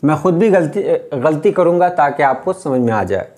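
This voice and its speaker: A man teaching how to write letters, explaining patiently and repeating each point slowly. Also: a little high, lively intonation, darkish tone. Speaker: Urdu script teacher. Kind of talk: step-by-step writing lesson.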